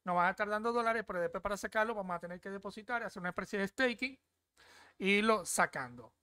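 Speaking from a desk at home, a young crypto app reviewer casually walks viewers through an app on screen, chatting and checking in with a frequent "¿ok?". His voice is high, animated, quick, pushed and bright, with a clean tone on a dry, clean studio-sounding recording.

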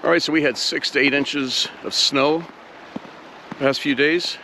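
A man's voice: on the high side, steady tone, measured pace, pushed and bright, a little hiss or hum. A man from Ohio vlogging casually while hiking outdoors on a snowy trail, easygoing and self-deprecating, with frequent filler words.

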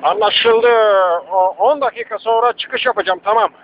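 A man's voice: very high voice, moderate pace. A man working as a police officer, answering dispatch over a walkie-talkie radio, hesitant with fillers. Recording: muffled radio with faint static.

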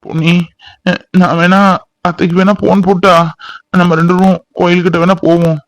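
A man's voice: high-pitched, little pitch movement, brisk, dry recording, rough recording. A man voicing a caring young husband in a cartoon, soothing and concerned. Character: caring young village husband, gently coaxing. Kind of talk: cartoon voice acting.

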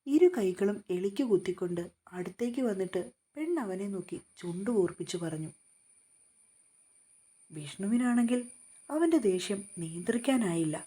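A woman reading a romance novel aloud in steady, measured storytelling. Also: mid-range voice, husky.

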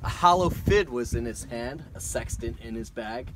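A man's voice: medium pitch, animated, normal speed, background noise. A man, a schooner captain, reciting a long sea poem aloud in a hearty, theatrical way. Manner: hearty, theatrical reading with chuckles. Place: aboard a schooner on a harbor cruise, outdoors.

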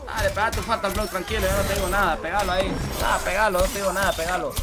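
A man streaming a fighting game, greeting his chat in excitable slang and repeating phrases as he reacts to fights. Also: high voice, racing. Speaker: live streamer. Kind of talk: casual gameplay stream commentary, greeting chat. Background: game music.

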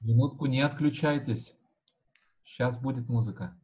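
A man's voice: mid-range voice, normal speed. A native Russian-speaking man giving a live translation voice-over, relaying a speaker's words phrase by phrase in an online talk. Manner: relays each phrase right after the speaker, plain and even. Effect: translation voice-over, interpreting the speaker aloud. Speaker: live interpreter. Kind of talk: consecutive interpreting in an online talk.

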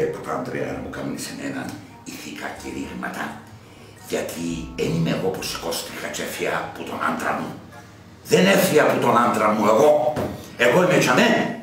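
An actor with a Cypriot accent playing a boastful, wealthy husband who rants indignantly. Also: male voice, low voice, a bit bright, far from the mic. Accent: Cypriot Greek. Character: pompous wealthy middle-aged husband, self-righteous. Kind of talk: sitcom acting. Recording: echoey room from afar, faint noise.

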